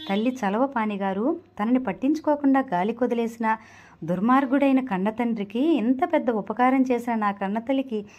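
A woman's voice: on the high side, normal speed, a little mellow, lightly acted. A woman reading the lines of a remorseful wealthy older father who pleads with his daughter, in an earnest storybook delivery. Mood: pleading.

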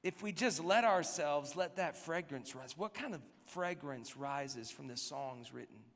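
A man speaks at a live worship gathering, storytelling in a loose, conversational way. His voice sits a little high, and he keeps slipping into soft, near-whispered lines. A long reverb trails each phrase, as in a big hall. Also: animated, a little slow. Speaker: worship leader. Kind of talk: sermon-style storytelling.

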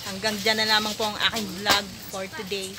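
A woman's voice: mid-range voice, level tone, a little fast. Giggly woman vlogging on a farm. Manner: chatty, giggly, addresses viewers as "mga kablandi". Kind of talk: casual selfie vlog tour. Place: outdoors on a rural farm. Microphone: phone at arm's length. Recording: phone recording with outdoor noise.

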